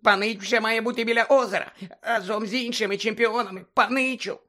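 A man voicing an excitable male house-elf servant, in a squeaky, high-pitched voice, eager and pleading, who talks about himself in the third person. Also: brisk. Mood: hurried. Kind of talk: audiobook character voice.

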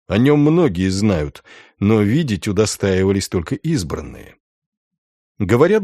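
Recorded with clean studio sound and no echo, a man tells an audiobook story in a measured yet expressive way, his voice in the mid-range.

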